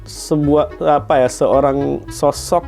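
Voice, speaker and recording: A man co-hosting a casual podcast chat, talkative and quick to laugh. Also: fairly high pitch, fairly even intonation, darkish tone, faint music behind. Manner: chatty, laughs often, uses slang. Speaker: podcast co-host.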